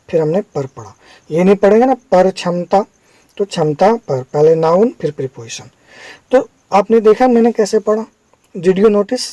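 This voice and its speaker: A man's voice: high-pitched, dark tone, no room sound, rough recording. A man teaching English, patiently explaining each step and asking the listener if they follow. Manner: patient, checks understanding with questions. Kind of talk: explaining a lesson.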